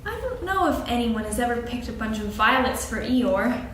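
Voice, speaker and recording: A woman playing a small, timid, sweet piglet in a staged reading, gentle and anxious. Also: on the high side, big pitch swings, moderate pace. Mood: wistful, cheerful. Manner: timid, gentle, exclaiming softly. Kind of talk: staged dramatic reading for children's story. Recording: echoey stage, distant mic, faint noise.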